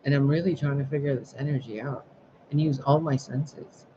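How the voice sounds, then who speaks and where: A man's voice: medium pitch, fairly even intonation, normal speed. Man venting in a profane vlog ramble. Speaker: spiritual sign reader. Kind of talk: casual vlog monologue. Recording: dull lo-fi recording with clear background noise.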